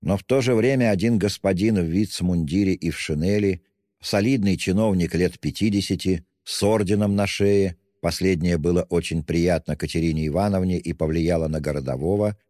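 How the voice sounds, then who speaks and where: A man reading an audiobook in a measured, even narration. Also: sits low, dry recording, studio quality.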